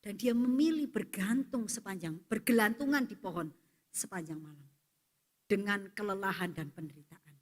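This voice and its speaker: Brief: woman pastor, lively sermon storytelling, long church reverb. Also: medium pitch, moderate pace. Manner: storytelling, lively, asks for assent with "ya".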